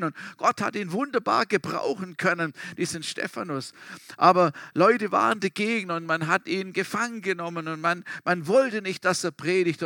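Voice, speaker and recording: High, gravelly preacher man. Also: pushed and bright, dry recording, studio quality. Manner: storytelling, emphatic repetitions. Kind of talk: sermon.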